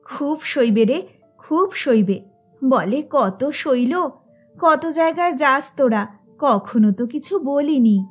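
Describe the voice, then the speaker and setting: A woman voicing an elderly mother who speaks in startled questions and gentle pleas, in a storybook reading. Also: high voice, expressive, slow pace, pauses often, faint music behind. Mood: pleading. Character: elderly mother, timid, pleading.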